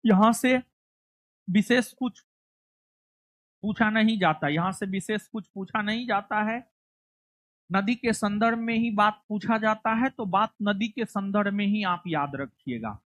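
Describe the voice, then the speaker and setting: A woman leads a classroom lesson at an unhurried pace. She coaxes and scolds her students as she drills them. Her voice sounds dry and close, with no room echo. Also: mid-range voice. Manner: coaxing, scolding students in a local dialect. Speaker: teacher. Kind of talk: classroom lecture.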